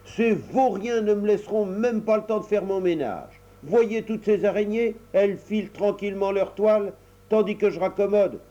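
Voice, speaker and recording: A man's voice: high voice, expressive, a little slow, mellow, voice pushed up. A man voicing a fretful old mother of twelve boys, in a storybook reading. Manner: exasperated, lamenting. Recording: dull lo-fi recording.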